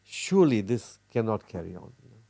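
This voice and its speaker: A middle-aged man from Fiji, a cardiologist, talking earnestly in an interview with many pauses and restarts. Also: fairly low pitch, very animated, creaky, warm tone, no echo. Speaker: cardiologist guest. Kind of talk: casual interview talk.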